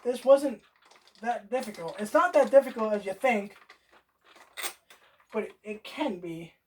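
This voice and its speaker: A woman's voice: a little high, expressive, unhurried, darkish tone, a little hiss or hum. A woman hosting a casual how-to video, rambling, swearing freely and talking straight to the viewer. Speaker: DIY video host.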